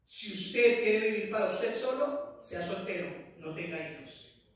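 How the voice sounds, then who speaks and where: A middle-aged pastor preaches to his church in an emphatic, building style, stacking repeated phrases. His voice sits fairly high for a man. He sounds far from the mic, and the hall carries a heavy echo. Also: expressive, a little slow. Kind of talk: sermon. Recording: very echoey hall from afar.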